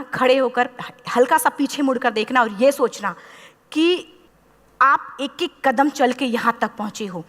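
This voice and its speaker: Woman, 30s, motivational speaker, passionate storytelling, slightly high voice, big hall reverb. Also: fairly bright tone. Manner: impassioned storytelling, acting out quoted dialogue. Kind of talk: motivational speech to a live audience.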